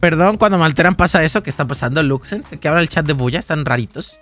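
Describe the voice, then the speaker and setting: A man's voice: on the high side, lively intonation, fast talker, fairly bright tone, faint music behind. A man, livestreaming a game and chatting casually in a rambling, jokey way as he reads out donations and chat. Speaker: gaming livestreamer. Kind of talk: casual live-stream chat while gaming.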